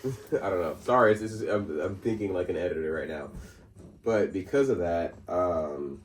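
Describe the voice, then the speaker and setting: A man whose voice sits low speaks at a moderate pace, captured from a distance with roomy sound and faint background noise. Co-hosting a casual podcast, he rambles through a story, laughing often amid many fillers and restarts.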